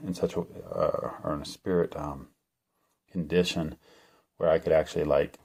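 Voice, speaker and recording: Middle-aged man, very low voice, rambling earnest personal testimony with lots of restarts and fillers. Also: fairly even intonation, moderate pace, creaky, darkish tone, breathy edge. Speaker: channel host.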